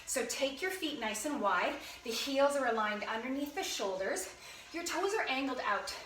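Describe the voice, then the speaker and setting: An upbeat female fitness instructor with a high, slightly bright voice, lively intonation and moderate pace counts reps mid-workout in a room at home. Breathless and encouraging, she pants between cues, recorded at a distance in an echoey room with soft background music.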